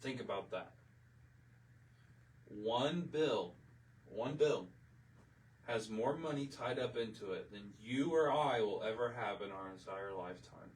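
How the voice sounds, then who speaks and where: A man's voice: on the low side, unhurried, pauses often, distant mic, low-quality recording. A man hosting a livestream, delivering a heated, emotional rant, repeating himself and swearing. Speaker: livestream host. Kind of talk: impassioned political livestream rant.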